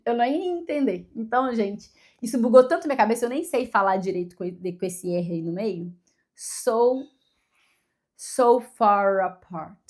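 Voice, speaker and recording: A young adult woman from Brazil, a native Portuguese speaker, chatting to camera in a casual vlog, self-deprecating and full of fillers and restarts. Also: fairly high pitch. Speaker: vlogger.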